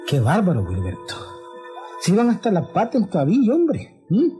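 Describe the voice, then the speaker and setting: A man's voice: sits high, huge pitch swings, moderate pace, mellow, soft background music. A man narrating a folksy tale in a chatty way, talking to a listener.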